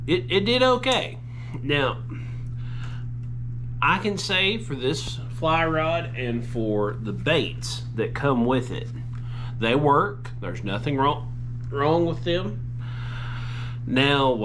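A medium-pitched young man with a drawl narrates a relaxed fishing vlog, folksy and wandering, turning excitable as the fish start biting. There's a little hiss or hum in the recording, which shifts from a pond outdoors to indoors at home.

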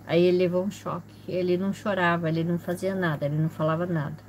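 A middle-aged woman telling a personal story on her vlog in a soft, halting way, often repeating herself. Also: lowish voice, level tone, a little hiss or hum. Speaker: channel host.

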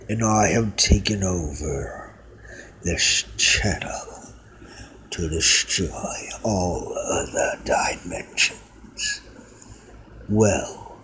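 A man voicing a sinister, mocking demonic villain who speaks slowly and low, slipping into whispers and rambling asides. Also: a bit bright, a little hiss or hum, full character voice, low-quality recording. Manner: slow low menacing delivery dropping to whispers. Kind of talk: fan character Q&A announcement.

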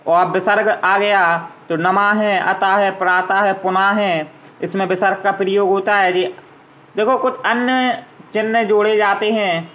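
Slow, high-voiced, bright male teacher. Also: fairly even intonation, rough recording. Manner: slow, patient spelling out of letters and vowel signs. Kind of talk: Hindi grammar lesson for young pupils.

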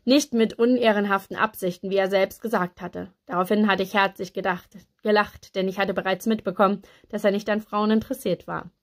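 A woman reads a novel aloud in a steady, even storytelling manner. Her voice sits at a middle pitch for a woman. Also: brisk, hardly any pauses. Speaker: book reader.

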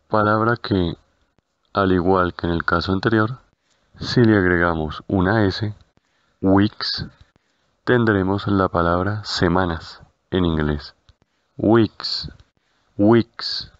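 A man narrating a scripted language lesson, speaking slowly and carefully and repeating each word. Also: low voice, no echo. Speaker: language teacher. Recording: dull, lo-fi.

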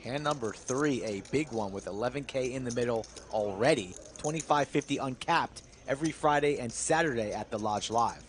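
A man's voice: mid-range voice, expressive, moderate pace, hardly any pauses. A man working as a poker commentator on a live stream, narrating play with dramatic flourishes.

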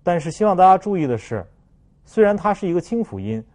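A man teaching French pronunciation, explaining slowly and then loudly modeling each sound for students to repeat. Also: high voice, very animated. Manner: slow, careful explanations, then loud drawn-out example sounds.

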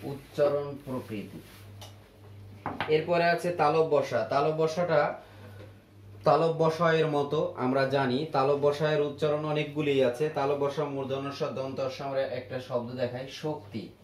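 A man teaching a grammar lesson at a board, repeating each word slowly to drill how it is pronounced. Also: on the high side, steady tone. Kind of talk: classroom grammar lesson at a whiteboard. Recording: echoey room with faint ambient noise.

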